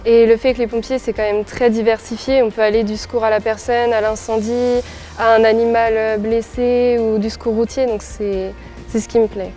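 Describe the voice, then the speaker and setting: A woman's voice: fairly high pitch, level tone, normal speed, mellow. Young woman, 20s, nurse and firefighter; eager testimony with fillers, music under. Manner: eager, frequent hesitant fillers. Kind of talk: interview testimony.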